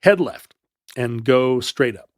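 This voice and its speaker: A man's voice: medium pitch, slow, no echo, studio quality. Man telling a history story casually. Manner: storytelling, playful asides. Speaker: podcast co-host.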